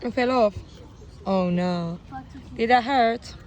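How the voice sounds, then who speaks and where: A woman's voice: a little high, takes it slowly, a little mellow. A woman chatting casually with children outdoors, prompting them with one question after another. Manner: prompting, asks lots of questions. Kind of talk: casual family vlog chat.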